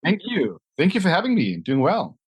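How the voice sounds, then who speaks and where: With huge pitch swings over a fairly high, husky voice, the middle-aged German nonprofit founder talks at normal speed in his German accent. He is the guest in a conversational interview, reflective and prone to fillers and restarts.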